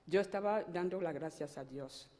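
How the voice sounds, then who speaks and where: Her voice fairly low and darkish, a French-speaking woman offers a fervent church testimony that turns emotional and halting in places. The sound rings with long hall reverb.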